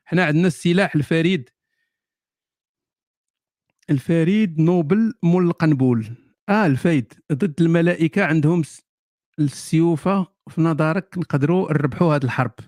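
A man's voice: a little high, fairly quick, long pauses, darkish tone, no echo, studio quality. A man with a Moroccan accent hosting a casual live Q&A, answering viewer questions with jokes, sardonic asides and frequent laughter.

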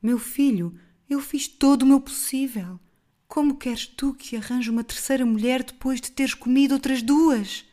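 A woman's voice: sits high, moderate pace, dark tone, voice pushed up, natural voice. A woman voicing a grieving queen mother in a storybook tale, pleading in a raised voice. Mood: desperate.

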